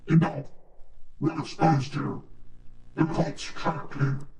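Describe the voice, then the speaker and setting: An actor voices a grim, commanding male cyborg, reading dramatic game-style lines in a clipped, ominous, menacing way. The delivery is slow with little pitch movement, and the voice is gravelly, a little mellow, slightly rough and exaggerated. Robotic digital pitch-shifting and chorus cyborg processing are applied.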